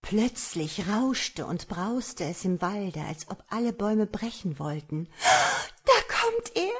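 A woman narrating a fairy tale in a measured, expressive storybook reading. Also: medium pitch, slightly rough.

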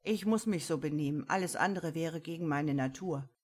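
A woman voicing a grumpy, cheeky male kitchen goblin who talks slowly and gruffly. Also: sits low, a little mellow. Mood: grumbling. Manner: slow, gruff and resigned.

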